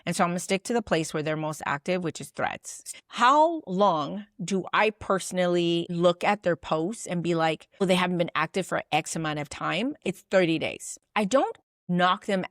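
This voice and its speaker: A woman with a lowish voice gives a casual business lesson straight to camera. Her talk is loose and chatty, full of "like," and she acts out sample messages as she goes. The sound is close and dry, with no room echo. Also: moderate pace. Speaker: business coach.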